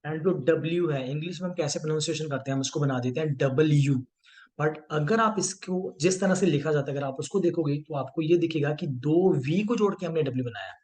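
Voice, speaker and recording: A man teaching a language lesson, mixing Hindi and English and repeating each sound slowly for learners. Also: fairly high pitch, a little mellow. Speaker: French teacher.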